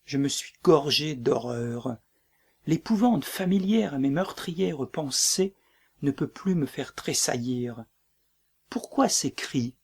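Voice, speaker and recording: A man reading the part of a doomed tyrant king in a dramatic play reading, brooding and breaking into shouts. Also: mid-range voice, expressive, slow pace, breathy edge, heavily acted.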